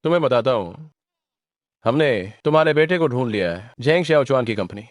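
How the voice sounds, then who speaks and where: A man's voice: mid-range voice, lively intonation, a little fast, no echo, clean studio sound, close to an everyday voice. A man dubbing the role of a contemptuous debt collector who makes threats. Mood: menacing. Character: menacing male debt-collecting thug. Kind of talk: Hindi drama dub.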